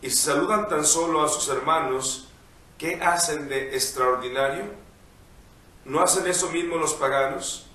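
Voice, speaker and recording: A priest reading the gospel and preaching in a measured, solemn way, his voice ringing with heavy cathedral-like church echo. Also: on the high side, pushed and bright. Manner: measured, solemn liturgical delivery. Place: large church. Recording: heavy echo, distant mic, faint noise.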